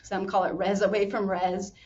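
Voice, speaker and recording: A woman's voice: mid-range voice, level tone, normal speed, a little mellow. A woman university administrator answering interview questions, recorded from a distance with a dull, slightly noisy sound.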